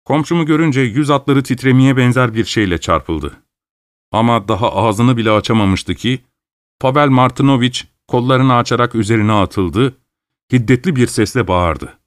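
A man narrates a novel in a steady, measured reading voice of middling pitch. The sound is dry and close, with no room around it. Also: no echo. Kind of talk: audiobook narration.

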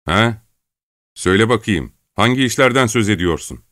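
A rough vagabond snarls threats and orders in a deep, gruff voice, as a male narrator puts him on. The storybook audio is dry and close, with no room sound. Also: lively intonation, moderate pace, fairly bright tone, no echo. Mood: menacing.

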